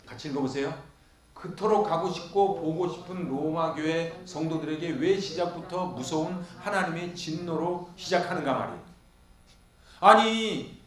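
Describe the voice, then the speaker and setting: Guy pastor preaching, kinda high voice, asks the room stuff then answers it himself, big echoey church. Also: fairly bright tone. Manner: questions the congregation and answers himself. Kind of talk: expository sermon. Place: church sanctuary.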